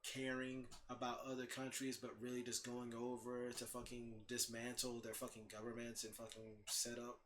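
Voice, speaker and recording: Blunt, swearing man with a bright voice. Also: medium pitch, completely flat delivery, normal speed, few pauses, a little hiss or hum. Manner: blunt and heated, swears constantly, restarts mid-sentence. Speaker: host ranting on his own channel. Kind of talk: casual profane rant.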